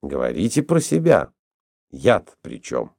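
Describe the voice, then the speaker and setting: A cool, sceptical older man who explains things calmly and drily, as a male reader plays him. His voice sits low and mellow. It is measured and unhurried, recorded close and dry. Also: creaky, no echo, exaggerated voice.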